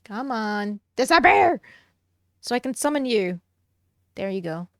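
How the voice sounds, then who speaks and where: Woman, streamer, casual drawing chat, musing and giggly, unhurried, dry close sound. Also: medium pitch, expressive, no echo.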